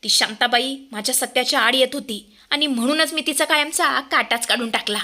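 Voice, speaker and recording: Brief: a woman voicing a taunting drunk young schemer, high and bright. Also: fairly quick. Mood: drunken taunting. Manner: taunting, sneering.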